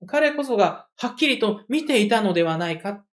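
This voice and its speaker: A preacher speaks in an even, mid-range voice, carefully explaining a scripture passage to a congregation. The delivery is measured and reflective, loosened now and then by casual, conversational asides. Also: mid-range voice. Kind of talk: sermon.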